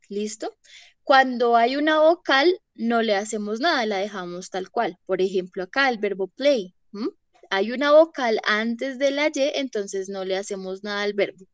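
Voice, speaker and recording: A woman's voice: a little high, no room sound. A young woman teaching an online English grammar class, patiently checking that students follow along.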